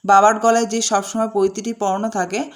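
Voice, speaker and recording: A woman calmly guiding a home worship ritual step by step, slowing to chant short Sanskrit-style mantras between her instructions. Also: mid-range voice. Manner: calm, measured, slows down to chant mantras. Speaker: puja instructor.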